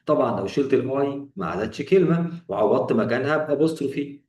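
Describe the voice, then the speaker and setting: A man's voice: medium pitch, expressive, fast talker, a little mellow, distant mic. A man with an Egyptian Arabic accent teaching an English grammar lesson, explaining step by step, repeating examples and asking rhetorical questions. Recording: echoey room, voice off-mic.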